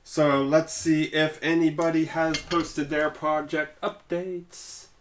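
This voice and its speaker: A man's voice: fairly high pitch, little pitch movement, takes it slowly, a little hiss or hum. Easygoing man co-hosting a chat. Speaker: podcast co-host. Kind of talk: casual chat.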